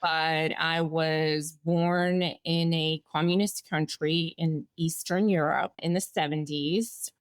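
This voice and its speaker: A woman in her forties, born in Bulgaria and raised in the United States, tells her life story as an interview guest, candid and reflective, with small laughs and restarts. Her voice is low and steady, slow with few pauses, recorded dry in a clean studio.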